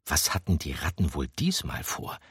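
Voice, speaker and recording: A man narrating a children's audiobook with expressive storytelling. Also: extremely low pitch, normal speed, breathy edge, dry recording, clean studio sound. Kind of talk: scripted narration.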